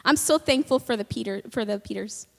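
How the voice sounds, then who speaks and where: A woman with a high voice preaches to a congregation, moving between Spanish and English and often putting questions to her listeners. She acts out scenes with dramatic quoted lines. The recording carries the long reverb of a church sanctuary. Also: normal speed, gravelly, a bit bright. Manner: asks the congregation frequent questions. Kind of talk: bilingual sermon.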